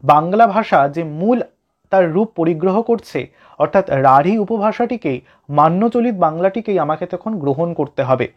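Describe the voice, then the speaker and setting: A man's voice: high-pitched, expressive, moderate pace, lo-fi sound. A man teaching an exam-prep literature lesson, explaining a text line by line and speaking directly to his students.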